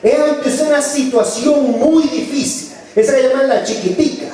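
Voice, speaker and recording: A man's voice: extremely high pitch, normal speed, warm tone, recorded from a distance. A man preaching a sermon, telling personal stories earnestly and changing his voice for quoted speech. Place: church hall. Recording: very echoey church from afar, faint noise.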